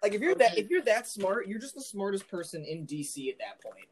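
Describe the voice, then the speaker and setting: A man's voice: high-pitched, very animated, a little fast, poor audio. A young man co-hosting a casual podcast, ranting with run-on sentences and profanity while walking through his home. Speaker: podcast co-host.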